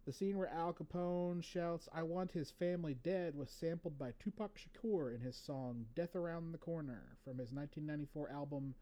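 A man co-hosting a casual podcast, reading movie trivia from his notes in a relaxed way with fillers. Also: a little high, normal speed, few pauses. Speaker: podcast co-host.

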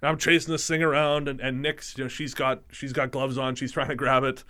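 Man, podcast co-host, dry sardonic storyteller, casual chat, average pitch. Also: little pitch movement, a little fast, sharp tone, clean tone.

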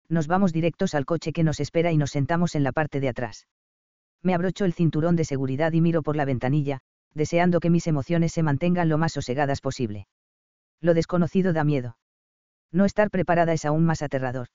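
Narrador de audiolibro, tranquilo y parejo, voz un poco aguda, sonido sordo sin eco. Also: male voice, a little high, a little mellow, clear, resonant tone, no echo. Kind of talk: scripted narration of a romance novel. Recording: dull, dry audiobook recording.

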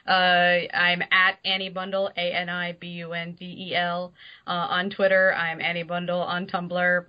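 A woman's voice: lowish voice, highs cut off. A woman speaking casually as a guest on a podcast.

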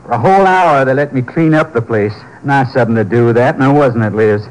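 An actor playing a bitter, jobless ex-convict husband from Texas in a 1940s radio drama, with rough rural speech. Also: male voice, mid-range voice, fairly quick, natural voice, poor audio.

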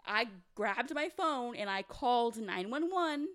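A young woman co-hosting a podcast, casually telling a personal story in an animated way, full of "like" and quick laughs. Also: fairly high pitch. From California. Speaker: podcast co-host.

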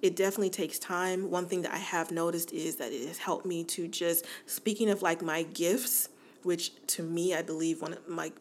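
Casting: woman, 40s, podcast host, warm chatty delivery, slightly low voice, laughs easily. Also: slight background noise. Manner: chatty, laughs often, addresses listeners as y'all. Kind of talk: casual podcast monologue.

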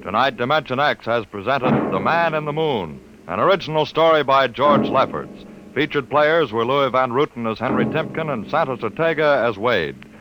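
A noisy old broadcast disc carries a male announcer reading scripted 1950s radio credits. His medium-pitched voice moves in a lively way. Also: moderate pace, hardly any pauses.

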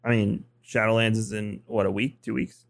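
Rambling, laughing podcast host. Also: male voice, fairly low pitch, flat delivery, moderate pace, vocal fry, no room sound. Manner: rambling, many restarts, laughs often. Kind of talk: casual chat.

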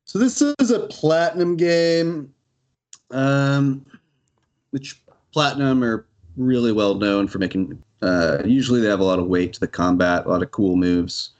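A man's voice: medium pitch, measured pace, darkish tone, lo-fi sound. A man casually chatting about video games on a podcast, rambling and laughing often, with casual swearing.

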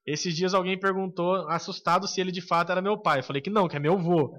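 A man with a Brazilian Portuguese accent, co-hosting a podcast in casual sports chat, opinionated and hesitant with frequent filler pauses. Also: high-pitched, fairly even intonation, a bit bright, lo-fi sound. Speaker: podcast co-host.

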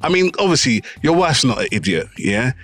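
A man's voice: medium pitch, very animated, a little fast, fairly bright tone, slightly rough, soft background music. London roadman-accented man, casual podcast debate. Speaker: podcast co-host.

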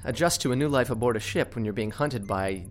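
A woman's voice: a bass voice, fairly quick, soft background music. An actress voicing a hesitant, rambling young male crew recruit in an audio drama.

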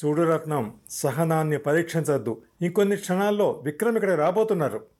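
Man doing strict lady cop, impatient, higher voice, audio story. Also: a little fast, mellow, close to an everyday voice. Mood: stern. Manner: stern, impatient questioning. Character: sharp, stern female police investigator.

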